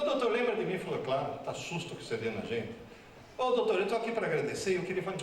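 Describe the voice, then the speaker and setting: Animated São man lecturing in echoey hall. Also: a little high, slight background noise. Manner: animated, acts out dialogue with voices. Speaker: teacher giving a talk. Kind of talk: lively storytelling lecture. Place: school hall. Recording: very echoey hall, speaker far from mic.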